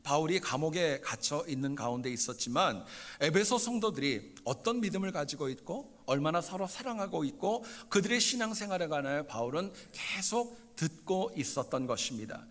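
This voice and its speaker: A man preaching from the pulpit in a church sanctuary, his fairly high voice swinging lively up and down as he presses his points. He speaks straight to the congregation and repeats key phrases for weight. A long hall reverb trails every phrase. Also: moderate pace, hardly any pauses. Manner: earnest, repeatedly addresses the congregation directly; emphatic repetition of key phrases. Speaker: pastor. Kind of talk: sermon.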